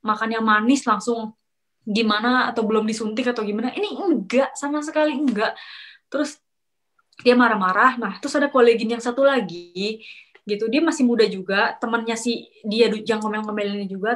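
A young woman casually telling a personal story, chatty and animated, acting out what others said. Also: on the high side, fairly quick. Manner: animated, acts out quoted coworkers with sharp rises; chatty, many fillers and restarts, slangy. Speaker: storyteller sharing a work experience. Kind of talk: casual chat, confiding story.

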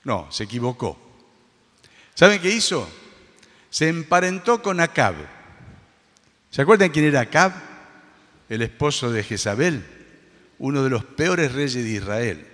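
A man's voice: mid-range voice, sing-song, a little slow, long pauses, fairly bright tone. A male pastor preaching a sermon, telling a story and acting out the voices of its characters. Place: church hall. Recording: long hall reverb.

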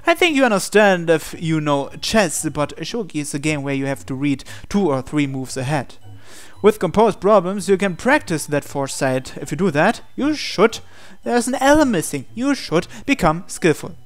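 A woman with a low voice and big pitch swings reads translated visual novel text aloud at a normal speed. As a game player, she acts out the hero's dialogue conversationally.

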